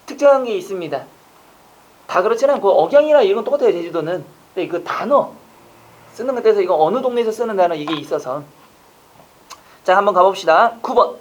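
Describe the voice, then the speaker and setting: A man leads an online exam-prep session, rattling off rhetorical questions to quiz his audience and slipping in relaxed jokes. His high voice has lively intonation, and the sound is lo-fi.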